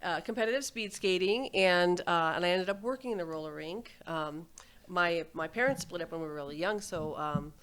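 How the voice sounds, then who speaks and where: A middle-aged woman from New talks. Her voice sits a little low. She chats in a relaxed way, full of fillers and quick laughs. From New Jersey. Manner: chatty, laughs often, many fillers. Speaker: podcast guest. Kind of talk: casual interview chat.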